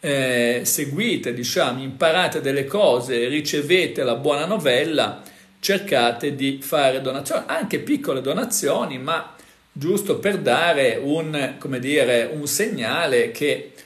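A man's voice: mid-range voice, lively intonation, slow pace, a bit bright, roomy sound. A man hosting a casual talk, explaining things to viewers in a conversational way, full of fillers and tag questions. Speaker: host.

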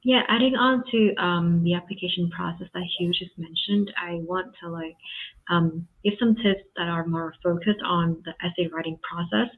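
A woman's voice: fairly low pitch, normal speed, a little hiss or hum. Young woman on a tinny call line. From Vietnam. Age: young adult. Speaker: university student, panelist. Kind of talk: advice panel on a video call. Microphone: webcam video call.

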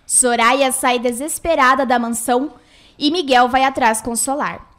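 High-voiced woman narrating a radio soap. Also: steady tone, measured pace, a bit bright.

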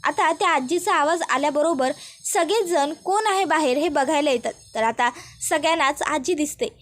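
A woman storyteller retells a serial episode step by step and voices the quoted lines plainly. Her voice sits high. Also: normal speed, fairly bright tone. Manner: plain running narration with quoted dialogue.

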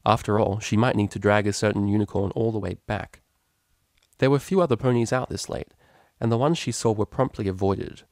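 Gravelly low male storyteller. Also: brisk, a little mellow, no echo, clean studio sound. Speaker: audiobook reader. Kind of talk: fanfiction narration.

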